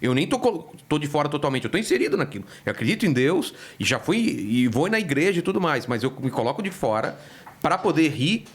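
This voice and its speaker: A man's voice: on the high side, very animated, brisk, husky. A male comedian in casual podcast chat, telling stories animatedly and acting out quoted voices. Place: podcast studio.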